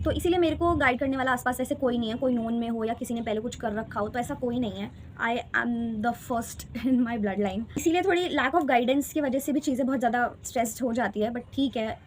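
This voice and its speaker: A woman's voice: a little high, slight background noise. A woman in her twenties, talking earnestly and reflectively in a candid personal vlog, slipping English phrases into her speech. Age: 20s. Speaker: vlogger sharing exam experience.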